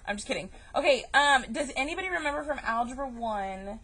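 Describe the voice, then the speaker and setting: A woman's voice: high-pitched, lively intonation, fairly quick, a bit bright, a little hiss or hum, rough recording. A young woman teaching a math class, chatty and joking, calling her students y'all. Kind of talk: recorded classroom lesson.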